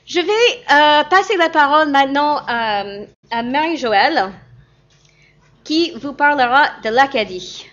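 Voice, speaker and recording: A woman giving an informational presentation for an embassy, halting, with frequent fillers and repeated words. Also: sits high, animated, a bit bright, lo-fi sound.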